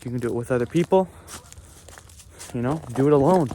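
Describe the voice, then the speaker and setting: Outdoors in a chilly stream under a small bridge, a young man gives a casual, unscripted vlog chat, pausing and halting against the cold. His mid-range voice is mellow, captured on a handheld phone or camera with clear outdoor ambience.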